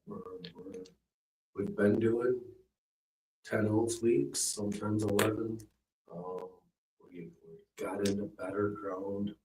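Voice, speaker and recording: A man's voice: lowish voice, steady tone, takes it slowly, darkish tone. A man chatting casually as a livestream host, his voice echoing as if under a bridge inside a hollow dome. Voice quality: slightly froggy throat. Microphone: phone. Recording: echoey dome, distant mic, faint noise.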